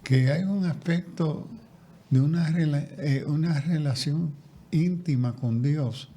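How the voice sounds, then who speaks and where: This man's voice is a bit high and mellow. He's being interviewed as a guest theologian in a conversational setting, thinking aloud reflectively and often going back to restart or repeat words.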